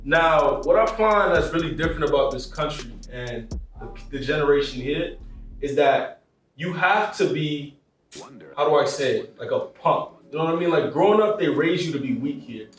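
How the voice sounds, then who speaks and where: A man from Cameroon talking in a casual podcast chat, emphatic and animated. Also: fairly high pitch, moderate pace. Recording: echoey room, far from mic, faint music.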